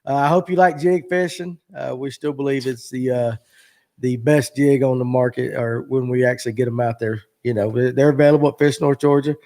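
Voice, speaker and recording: A man's voice: medium pitch, fairly even intonation, fairly quick, darkish tone. A man, hosting a casual live fishing chat in a rambling, joking way with lots of fillers. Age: 40s. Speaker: show host.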